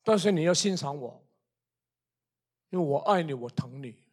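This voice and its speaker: An older man with a high voice preaches a sermon. He drives his points home with repeated rhetorical questions. His delivery swings between quiet asides and loud, fervent bursts. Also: lively intonation, moderate pace. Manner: emphatic, repetitive rhetorical questions.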